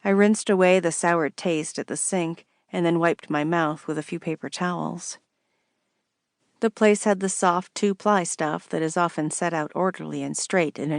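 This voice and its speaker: Low gravelly woman narrating. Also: no echo, clean studio sound. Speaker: audiobook narrator. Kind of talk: first-person novel narration.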